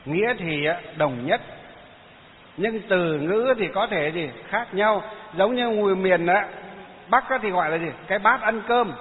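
A man with a northern Vietnamese accent giving a Buddhist sermon, asking rhetorical questions and answering them himself, with many drawn-out "à" fillers. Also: high voice. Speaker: Buddhist dharma teacher. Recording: tinny phone-like sound, hiss, long hall reverb.

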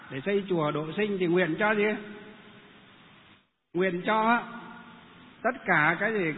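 A man who is a Buddhist monk, telling a story and asking himself questions. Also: high-pitched. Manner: lively, rhetorical questions. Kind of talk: storytelling talk. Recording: tinny phone-like sound with long reverb and faint noise.

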